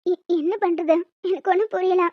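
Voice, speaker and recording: A woman voicing a meek, apologetic young woman in a cartoon, speaking softly and pleading. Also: extremely high pitch, steady tone, normal speed, dry recording. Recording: dull lo-fi dry sound.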